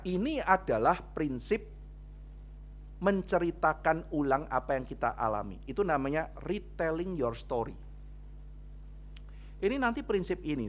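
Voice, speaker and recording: A male pastor preaching a sermon at a church youth service, in a lively storytelling manner that keeps turning to address his listeners directly. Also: mid-range voice, a little hiss or hum. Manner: animated storytelling, often addressing listeners as brothers and sisters.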